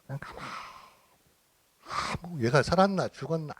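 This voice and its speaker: A man's voice: a little high, moderate pace, husky, no echo. A middle-aged man giving an informal lecture, telling anecdotes with acted-out dialogue and frequent laughter. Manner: chatty storytelling, acting out dialogue, frequent laughter. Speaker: lecturer and church minister.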